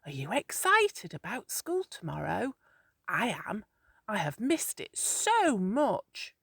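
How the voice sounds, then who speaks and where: Storybook figure: a cheerful little elf boy, gently eager, voiced by a woman. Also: medium pitch, wildly swooping pitch, slow, creaky, breathy edge, no echo, clean studio sound, exaggerated voice.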